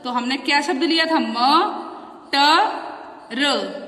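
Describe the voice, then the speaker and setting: A woman's voice: high voice, slow, bright, forceful tone. A woman teaching a grammar class, asking questions and answering them herself, repeating sounds syllable by syllable. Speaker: school teacher. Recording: echoey room, voice from far off.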